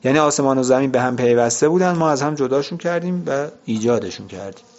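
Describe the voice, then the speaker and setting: A man's voice: medium pitch, expressive, a little mellow, highs cut off, slight background noise. A man teaching a vocabulary lesson, explaining words one by one and asking and answering his own questions.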